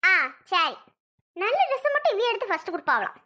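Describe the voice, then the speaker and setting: Casting: woman playing a bratty cartoon girl, squeaky-high and sharp, bossy and mocking. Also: very animated, a little fast, exaggerated voice. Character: bratty spoiled little girl, demanding. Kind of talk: cartoon voice acting.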